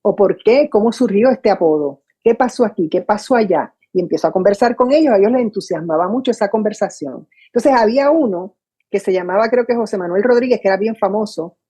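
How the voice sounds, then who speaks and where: A husky-voiced Puerto Rican woman from Puerto Rico, speaking at a medium pitch with a Puerto Rican Spanish accent, appears as a radio announcer guest in a storytelling interview. She's an animated storyteller who acts out her own past dialogue. The audio comes from a video call at home and sounds muffled.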